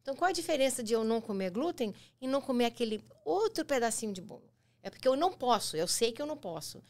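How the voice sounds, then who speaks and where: A woman's voice: on the high side, sing-song, fast. A woman from Brazil hosting a podcast, chatty and storytelling, slipping in English phrases. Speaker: podcast host. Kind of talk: podcast conversation.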